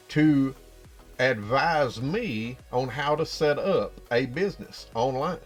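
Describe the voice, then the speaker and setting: A man with a medium-pitched voice and an Appalachian hillbilly accent hosts a channel, talking casually and folksily to viewers as he explains things directly.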